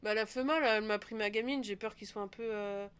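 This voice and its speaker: A woman's voice: mid-range voice, steady tone, quick pace, fairly bright tone, clean tone. Sarcastic woman commenting on a game. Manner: sarcastic, swears freely, frequent laughs. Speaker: gaming streamer. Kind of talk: casual let's-play commentary.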